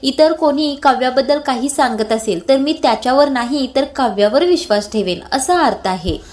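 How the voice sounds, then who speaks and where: A woman's voice: high-pitched, expressive, normal speed, a little mellow. A woman voicing an earnest young woman who trusts her sister and speaks reassuringly, in a retold serial scene.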